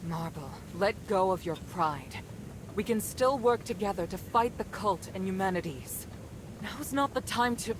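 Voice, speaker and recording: A woman's voice: medium pitch, lively intonation, measured pace, background noise, lightly acted. A woman voicing an earnest, defiant noble mistress in a dramatic video game, speaking formally and urgently. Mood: urgent pleading.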